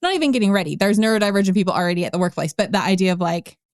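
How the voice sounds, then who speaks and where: A woman's voice: medium pitch, very fast, dry recording, studio quality. A middle-aged woman hosting a podcast interview, chatty and laughing often, with many restarts and fillers. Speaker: podcast host. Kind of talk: casual interview chat.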